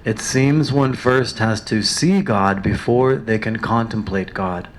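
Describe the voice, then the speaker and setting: A man reading passages aloud and retelling them in his own words, pausing with fillers, his throat a little dry. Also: fairly low pitch, slight background noise. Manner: reads quoted passages, then paraphrases with pauses and fillers. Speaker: reader of a biography.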